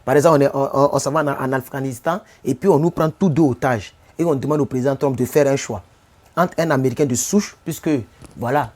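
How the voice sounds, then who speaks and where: A man's voice: mid-range voice, brisk, a little mellow. A man from Côte d'Ivoire with an Ivorian French accent, speaking casually in a live stream. He repeats himself often and keeps asking his viewers whether they follow him. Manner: repetitive, addresses viewers with rhetorical questions.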